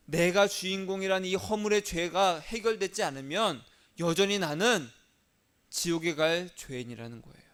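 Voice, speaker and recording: A man's voice: sits high, fairly bright tone. A male pastor giving a sermon in a conversational way, asking rhetorical questions and acting out inner thoughts.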